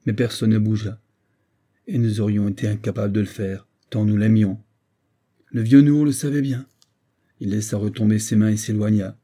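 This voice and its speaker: Guy narrating an old story, measured pace, low dark husky voice. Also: steady tone. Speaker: reader. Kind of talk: audiobook narration.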